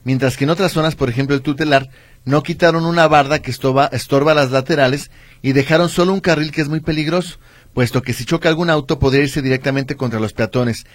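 A man co-hosting a radio show, reading listener messages and chatting quickly with his partner. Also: on the high side, dry recording. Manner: quick, conversational, calls partner "tocayo". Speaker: radio co-host.

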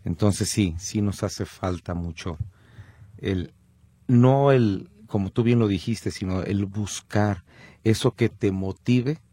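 A man's voice: lowish voice, slow, dark tone, slightly rough, no echo, clean studio sound. A man with a Mexican accent, a musician and theater director, chatting on a cultural radio show in a rambling, thoughtful way. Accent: Mexican Spanish. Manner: rambling, thoughtful, restarts often. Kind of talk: casual radio chat.

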